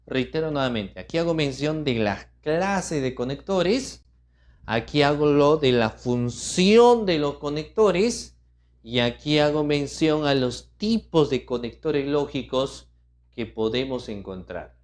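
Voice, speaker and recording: A middle-aged man teaching an online legal writing lesson, listing terms in a measured cadence and checking in with students with rhetorical questions. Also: fairly high pitch, animated, a little mellow. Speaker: writing workshop instructor.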